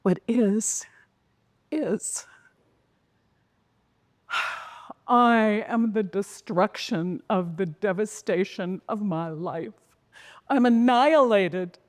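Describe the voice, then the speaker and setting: A woman telling a dramatic personal story in a slow, intense way, sometimes sinking to a whisper. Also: a little high, big-room sound. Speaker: speaker.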